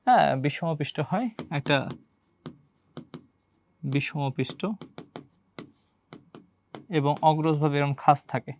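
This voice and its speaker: A man's voice: fairly high pitch, slow pace, pauses often, slight background noise. A young man with a Bangladeshi Bengali accent giving an exam-prep biology lecture, quizzing students and answering his own questions, repeating key terms. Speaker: biology teacher.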